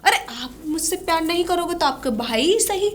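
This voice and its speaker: A woman playing a defiant, neglected wife who taunts and accuses her husband, in a low-budget Hindi short drama. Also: lively intonation, normal speed.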